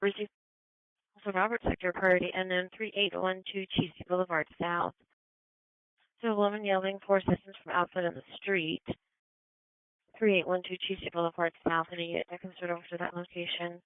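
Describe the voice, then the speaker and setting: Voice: mid-range voice, flat delivery, fairly quick, smooth, no room sound. A police radio dispatcher giving clipped, procedural calls over the radio. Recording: narrowband, phone-like police scanner radio.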